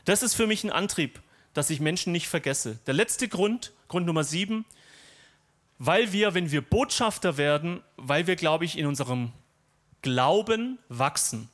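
A man's voice: fairly high pitch, animated, a little slow, fairly bright tone. A man preaching a sermon in a conversational, personal and lightly humorous way.

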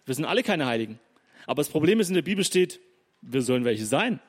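A man preaching a sermon, telling Bible stories in a lively, chatty way and briefly acting out the people in them. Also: a little high. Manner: lively storytelling, acting out biblical figures in quick asides.

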